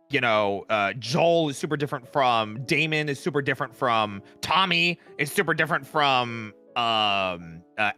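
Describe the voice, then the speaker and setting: A man hosting a casual chat, excitable and playful, quick to agree. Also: medium pitch. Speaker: host.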